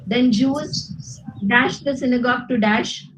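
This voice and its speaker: Woman with an Indian English accent, grammar teacher, fairly high voice, patient explaining, faint background noise. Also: steady tone, unhurried, poor audio. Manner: explains patiently, asks "okay?" and "isn't it?" often. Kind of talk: classroom grammar lesson.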